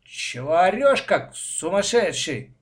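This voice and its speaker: A man's voice: high voice, sing-song, normal speed, voice pushed up. A man voicing a bossy little girl who grumbles, in a children's storybook reading.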